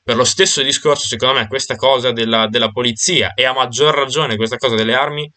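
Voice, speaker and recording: A man's voice: medium pitch, fairly even intonation, fast, bright, forceful tone. A man leading a casual group discussion over a video call, thinking aloud with fillers and restarts.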